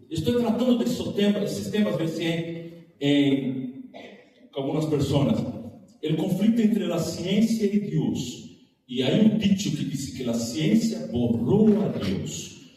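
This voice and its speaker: Passionate preacher. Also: male voice, a little high. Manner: passionate, emphatic, swings between quiet and loud. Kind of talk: sermon. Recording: echoey hall from far off.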